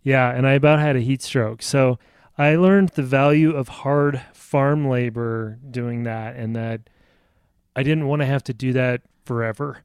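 A man's voice: mid-range voice, measured pace, clear, resonant tone, no room sound, studio quality. A middle-aged man from rural Nebraska co-hosting a casual chat, easygoing and laughing a lot. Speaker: podcast co-host.

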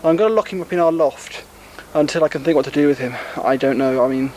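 A man's voice: on the high side, fast, darkish tone, lightly acted. A young man playing a flustered, exasperated homeowner who stammers and talks to viewers in a homemade comedy sketch. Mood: weary. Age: young adult. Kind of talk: amateur comedy sketch with direct address to viewers. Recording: noisy homemade video.

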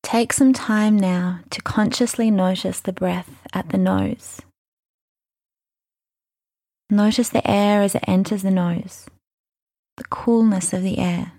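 A woman leading a guided mindfulness meditation, speaking softly and soothingly, unhurried and gentle, with breathy phrase endings. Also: medium pitch, fairly even intonation, no room sound, clean studio sound. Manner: soothing, unhurried, gentle instruction with long pauses.

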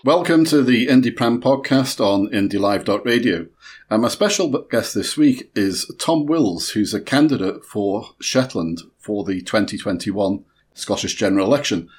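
A man hosts a radio podcast interview. His voice is a little low and noticeably husky. He puts his questions in a courteous, measured way. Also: lively intonation.

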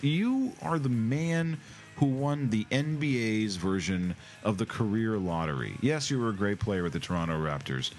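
A man hosting a comedic podcast, ranting in a sarcastic, mock-emotional and theatrical way. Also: on the low side. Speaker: podcast host.

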